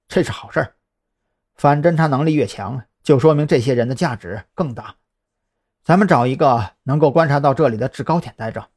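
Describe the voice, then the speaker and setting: Calm young investigator, voiced by a man, low and measured, quietly decisive, husky tone, audiobook story. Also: natural voice.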